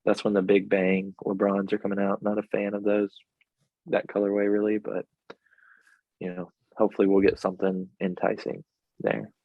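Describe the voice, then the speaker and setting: Gravelly laid-back man co-hosting a podcast. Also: fairly low pitch, completely flat delivery, normal speed, no room sound, phone-quality sound. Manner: easygoing, laughs often. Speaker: podcast co-host. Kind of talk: casual chat. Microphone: remote call mic.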